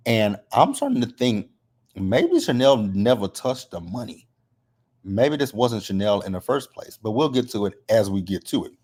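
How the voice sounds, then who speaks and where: Man, low-pitched, soft mellow tone, slight lisp from braces, casual recap commentary, conversational. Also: big pitch swings, moderate pace. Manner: conversational, often checks with "right?". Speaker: host of a TV episode recap.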